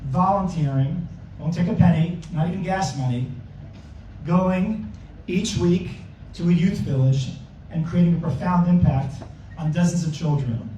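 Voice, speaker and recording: Man introducing a speaker at a gala, dark tone, picked up from far off. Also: high voice, moderate pace, a little hiss or hum. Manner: joking, plain-spoken. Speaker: host. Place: banquet hall. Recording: echoey hall, mic far off.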